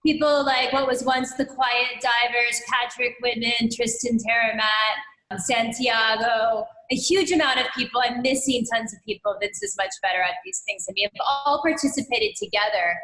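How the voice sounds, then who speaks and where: Woman cave explorer, bright highish voice, earnest careful explaining. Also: fairly even intonation, moderate pace, roomy sound, soft background music, rough recording. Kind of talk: interview answers.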